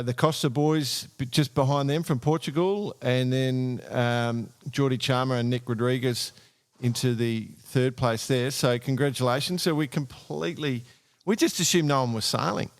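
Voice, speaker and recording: Casting: male podcast host, Australian accent, medium pitch, casual and conversational. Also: steady tone, measured pace, clear, resonant tone. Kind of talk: casual chat.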